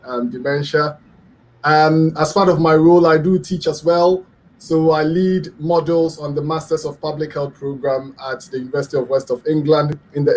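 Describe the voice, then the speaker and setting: A middle-aged Ghanaian man appears as a guest expert on a radio health program, his voice a bit high for a man and slightly mellow. He explains earnestly, with lots of ums and restarts. The recording is rough.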